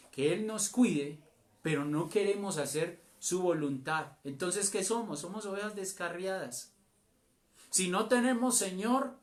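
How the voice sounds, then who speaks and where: Slow, deliberate Colombian elder preaching. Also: male voice, fairly high pitch. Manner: slow, deliberate preaching with long pauses and emphatic phrases. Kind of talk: sermon. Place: church.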